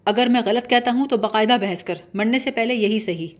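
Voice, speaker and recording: A woman's voice: on the high side, lightly acted. Woman reading a blustering pompous young man. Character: bumbling eccentric young man, mock-serious.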